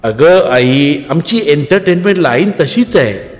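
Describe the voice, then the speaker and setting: A man putting on a brash young woman, loud and high. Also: lively intonation, measured pace. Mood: defiant. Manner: brash, self-assured. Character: defiant ambitious young actress, about twenty. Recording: long reverb, faint music.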